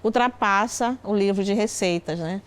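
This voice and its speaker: A woman with a smooth, resonant voice speaks as a food expert in a documentary interview. She talks reflectively at a medium pitch and tags her points with "né". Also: normal speed.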